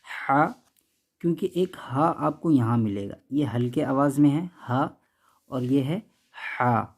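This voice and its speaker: A man teaching how to read the Quran, saying each letter sound slowly and more than once, contrasting thin and heavy sounds, and checking in often. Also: fairly high pitch, darkish tone. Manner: patient, repeats each sound, keeps asking "okay?".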